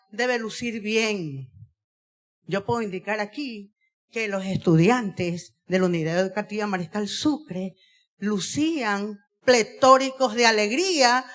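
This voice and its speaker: A woman's voice: fairly high pitch, a bit bright. A woman giving a talk on usage to students in a school auditorium, drawing out key words and putting questions to the audience. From Ecuador. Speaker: guest speaker on Spanish usage.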